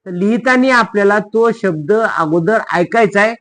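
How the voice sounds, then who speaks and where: High-voiced man teaching spelling. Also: a bit bright. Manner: asks questions for the students and answers them himself; spells words slowly letter by letter. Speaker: English teacher. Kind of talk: spoken classroom-style lesson.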